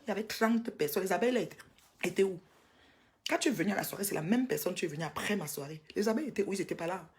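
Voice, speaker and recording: A woman delivers an angry live rant, scolding and mocking someone, and her voice jumps into sudden high-pitched outbursts. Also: animated, racing, darkish tone. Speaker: livestreamer.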